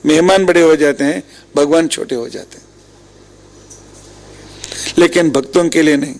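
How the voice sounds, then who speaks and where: A man's voice: a little high, darkish tone, rough recording. A man with an Indian accent giving a devotional discourse, retelling scripture stories with quoted dialogue. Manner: storytelling with quoted dialogue, unhurried. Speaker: religious storyteller.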